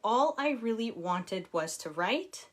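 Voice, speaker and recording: A woman author, her voice on the high side with lively intonation, reads slowly from her own book at home. Children are close by, and she laughs a lot and interrupts herself with casual personal remarks.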